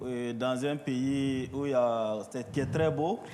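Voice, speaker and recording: A man's voice: medium pitch, unhurried, mellow. West african guy, french native w/ french accent, missionary talk in short phrases, big echoey hall, bit of noise. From Burkina Faso. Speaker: guest missionary speaker. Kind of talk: church address in short phrases for interpretation. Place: large echoing church hall. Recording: long hall reverb, faint noise.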